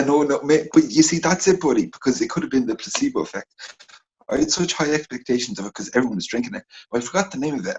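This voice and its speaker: A man co-hosting a casual sports podcast, telling animated, rambling stories in a husky voice. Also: medium pitch, dull audio. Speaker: podcast co-host.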